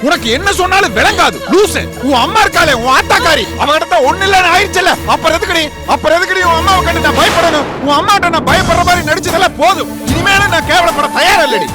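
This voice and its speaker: An actor playing a rude, greedy young son-in-law in a TV serial, who talks down to his wife's family in a harsh, insulting, shouting manner. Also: very high-pitched, quick pace, few pauses. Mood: contemptuous. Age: young adult. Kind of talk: TV serial acting. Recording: TV soundtrack with music under the voice.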